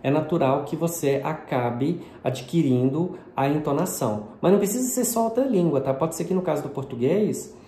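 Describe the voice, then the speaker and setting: Mellow-voiced Brazilian man teaching phonetics. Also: on the high side, animated, moderate pace, hardly any pauses. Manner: patient, explanatory, uses many diminutives. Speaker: linguistics teacher. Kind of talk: explanatory video lesson. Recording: echoey room with faint noise.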